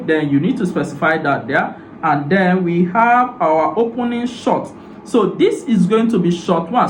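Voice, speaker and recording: Tutorial host, man, slightly high voice, step-by-step delivery, roomy room echo. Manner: step-by-step, repeats "so" and "now". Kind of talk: screen-recorded software tutorial. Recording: roomy echo, faint ambient noise.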